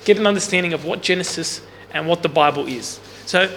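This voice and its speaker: A loud man with a bright, slightly high voice briskly teaches a Bible class in a large room, speaking without a microphone. He keeps things casual and explanatory, regularly questioning the group, and the in-room recording has long hall reverb over a faint hiss.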